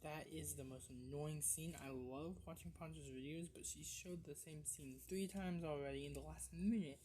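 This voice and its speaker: A woman's voice: low-pitched, fairly even intonation, moderate pace, background noise. A woman giving casual, sarcastic reaction commentary, rambling with fillers like "um". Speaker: reaction video host.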